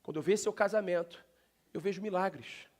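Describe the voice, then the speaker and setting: Brazilian pastor, male, very high-pitched, lively preaching to his church. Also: moderate pace. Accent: Brazilian Portuguese. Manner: preaching with sudden loud shouts; animated, talks directly to the congregation. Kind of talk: sermon. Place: church sanctuary.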